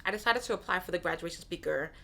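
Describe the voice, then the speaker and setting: Rapid-fire and forceful, this lowish female voice is bright with vocal fry. A woman in her thirties who was born in Nigeria and raised in Brooklyn, New York, she hosts a casual solo podcast, speaking candidly, repeating phrases and adding "right?" frequently.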